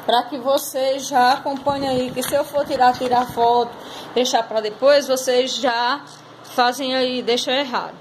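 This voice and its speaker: A woman's voice: high-pitched, steady tone, unhurried, slight background noise, poor audio. A woman teacher going over a class exercise, patiently explaining step by step and drawing out words. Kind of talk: recorded class lesson correcting exercises.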